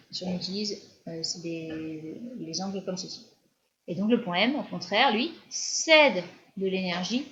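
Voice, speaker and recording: A woman physics teacher with a French accent giving a recorded lecture while writing at the board, often pausing and restarting her sentences. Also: mid-range voice. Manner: explanatory, with frequent hesitations and restarts. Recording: dull lo-fi lecture recording with faint hiss.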